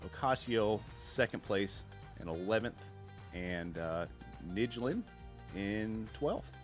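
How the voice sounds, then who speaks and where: Man, American accent, sim race commentary, relaxed and chatty, lowish voice, faint music behind. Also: takes it slowly. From United States. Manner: laid-back, chatty, laughs often. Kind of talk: sim racing broadcast commentary.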